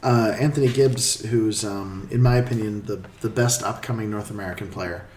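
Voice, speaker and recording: A man co-hosting a casual game discussion, talking in a measured way and thinking aloud with frequent pauses and "um"s. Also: lowish voice, reverberant. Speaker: podcast guest co-host. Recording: distant mic with faint noise.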